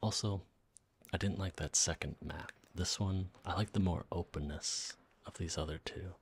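A man giving soft-spoken ASMR commentary while playing a game, drifting between a hushed whisper and quiet low talk. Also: normal speed, slightly rough. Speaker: ASMR gaming channel host.

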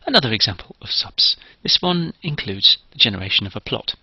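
Man, lecturer, methodical step-by-step explaining, husky gravelly voice, dull dry lo-fi recording. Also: lowish voice, very animated, fairly quick, dry recording. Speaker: engineering lecturer.

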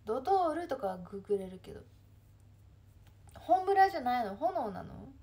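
Woman, Kansai accent, twenties, livestream host, reads comments, laughs a lot, slightly high, husky. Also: sing-song, normal speed, dark tone. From Kansai, Japan. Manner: chatty, laughs often, reads comments aloud and answers them. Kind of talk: casual livestream chat reading viewer comments.

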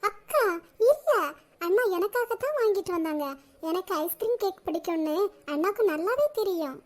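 A woman's voice: very high voice, animated, normal speed. A woman voicing a cheeky, smug little girl in a cartoon. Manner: smug, tattling.

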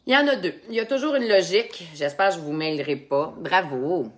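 A woman sommelier speaks with a Québécois French accent in a casual live-stream chat. She is chatty and animated and fills her talk with asides to the people watching her wine quiz. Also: fairly low pitch, brisk. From Quebec. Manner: chatty and animated, with frequent fillers and asides to viewers.

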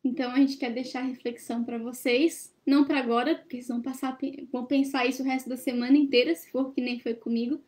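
Young woman, study-group presenter; high and warm, reflective and questioning, laptop webcam in a small room. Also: steady tone, fast, hardly any pauses. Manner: thoughtful, questioning the listeners. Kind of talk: reflective teaching talk. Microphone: laptop webcam on a video call.

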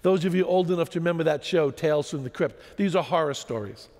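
A man's voice: fairly high pitch, quick pace, long reverb tail. A man giving a public lecture to an audience, telling stories and asking rhetorical questions. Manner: animated storytelling, rhetorical questions.

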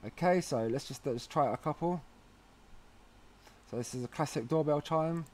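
Here a man with a fairly high, somewhat mellow voice hosts a how-to series, going at a moderate pace. He talks in a chatty, informal way, walking through each step of the tutorial.

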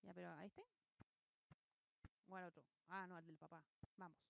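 A woman's voice: fairly low pitch, fairly even intonation, normal speed, creaky, a bit bright, slight background noise. A woman hosting, commentating casually as she plays a video game, chatty and muttering to herself. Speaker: host playing a video game.

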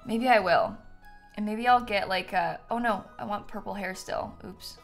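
A young woman hosting a gaming live stream talks at normal speed in a mid-range voice, casual and playful, joking about herself and giggling close to the mic. She's in a small room at home, with game music behind her.

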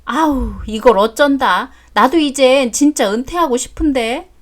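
A woman's voice: high-pitched, measured pace. A woman voicing a brash, greedy older mother-in-law who talks bluntly and coarsely in a story drama. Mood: scolding. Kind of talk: story drama read aloud.

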